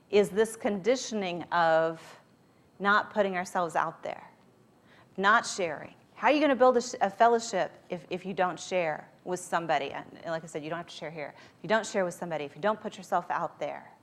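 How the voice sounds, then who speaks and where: A woman's voice: on the low side, moderate pace. A woman giving a motivational talk to a live audience, speaking informally and directly, coaxing her listeners. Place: speaking live at a group event.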